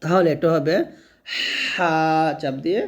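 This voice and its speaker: A man teaching pronunciation as a patient teacher. He repeats each sound slowly so his learners can follow. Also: a little high, dark tone. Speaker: Quran recitation teacher. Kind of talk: step-by-step pronunciation lesson.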